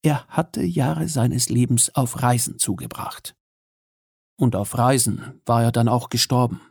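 Gravelly man reading a wry story. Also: medium pitch, a little mellow, no room sound, clean studio sound. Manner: measured, wry storytelling with occasional hesitations. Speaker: audiobook narrator. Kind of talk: first-person story narration.

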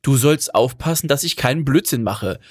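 A man voicing an excited, mischievous teenage girl with a playful manner. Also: medium pitch, normal speed, no room sound, studio quality, close to an everyday voice.

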